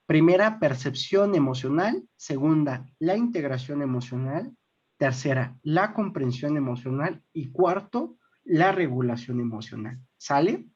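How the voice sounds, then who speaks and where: Teaching a formation class online, this Mexican-accented instructor addresses the group as brothers and sisters, explaining each step and making sure everyone keeps up. Her voice is low, animated, darkish and a little slow, captured on a dull lo-fi recording.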